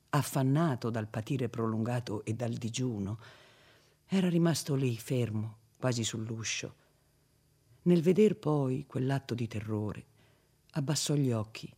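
A man's voice: mid-range voice, darkish tone, husky. Man reading a classic novel aloud. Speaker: audiobook narrator. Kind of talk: literary reading.

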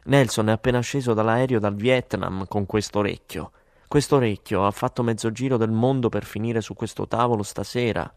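Tipsy placating man, slow smooth talk, low voice, dry close sound, read by a man. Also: dry recording, lightly acted.

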